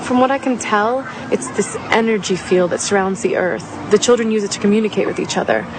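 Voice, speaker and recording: A woman's voice: mid-range voice, a little fast, noisy background, lightly acted. A woman acting as a middle-aged mother of a psychic boy, earnest and explanatory, in a naturalistic film drama. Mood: earnest, confiding.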